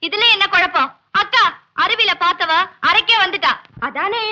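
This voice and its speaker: A woman's voice: extremely high pitch, lively intonation, normal speed, sharp tone, a little hiss or hum, heavily acted. A chirpy, naive young woman. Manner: artless, chirpy. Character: naive, chatty young woman, the clerk's daughter. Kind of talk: 1960s film comedy dialogue. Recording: dull old film soundtrack.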